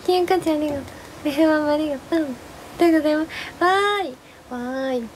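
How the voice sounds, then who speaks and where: A hoarse young woman chatting casually on a live stream, bubbly and playful as she thanks viewers for gifts. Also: sits high, slight background noise, poor audio. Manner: playful exclamations and cute drawn-out reactions. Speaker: live streamer, former idol.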